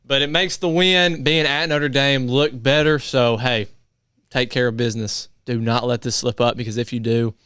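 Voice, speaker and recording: A man's voice: medium pitch, steady tone, moderate pace, a bit bright, clear, resonant tone, no room sound, clean studio sound. A man on a sports talk panel making his pick, fired up and pleading with the team.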